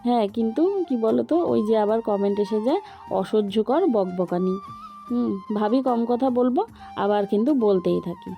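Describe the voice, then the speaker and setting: A woman's voice: fairly high pitch, moderate pace, gravelly, warm tone. A middle-aged woman, talking viewers through her cooking step by step in a chatty voice-over. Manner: talkative, explains each step to viewers. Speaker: vlogger. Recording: dull lo-fi voice-over with background music.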